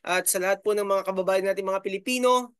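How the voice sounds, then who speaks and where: A middle-aged YouTube host from the Philippines talks fast in a high voice with fairly even intonation and a clean tone. His casual commentary is chatty, filler-laden, and dotted with "no?" and "di ba?". Studio-quality audio with no room sound.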